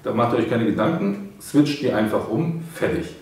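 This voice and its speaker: A middle-aged man sits at an indoor studio desk in front of a painted backdrop, casually demoing a product for hobbyists and walking viewers through it step by step. His medium-pitched voice is sing-song and a little mellow, at a moderate pace. The room is very echoey and the mic sits far away.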